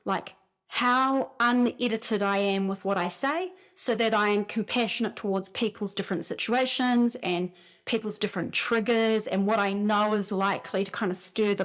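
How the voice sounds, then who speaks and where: A spiritual speaker with a New Zealand accent talks casually about spiritual signs, telling stories with animated, rambling energy. Her voice sits mid-pitch for a woman, her pace is moderate, and she uses "like" constantly as filler.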